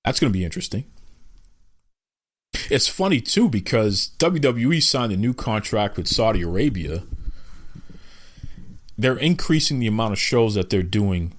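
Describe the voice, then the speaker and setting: A man hosting a podcast, giving wrestling news in casual, chatty talk full of rhetorical questions. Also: on the low side. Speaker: podcast host.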